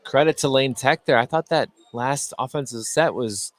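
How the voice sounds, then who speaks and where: At a moderate pace and in a mid-range voice, an American man narrates basketball action for live radio in clipped running phrases. The audio picks up noisy ambience from a busy gymnasium, complete with bouncing basketballs.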